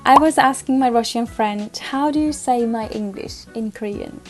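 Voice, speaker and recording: A Japanese woman in her twenties, a native speaker of Japanese with a Japanese accent, presents a scripted explainer as a language vlogger. Her voice is on the high side, and her phrasing is simple, deliberate and slightly non-native. Faint music plays behind her.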